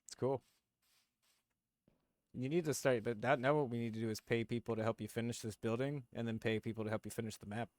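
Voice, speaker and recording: A man's voice: medium pitch, fairly even intonation, fairly quick, no room sound. Chatty joking male streamer. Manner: joking, laughs easily, chatty. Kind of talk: casual livestream game chat.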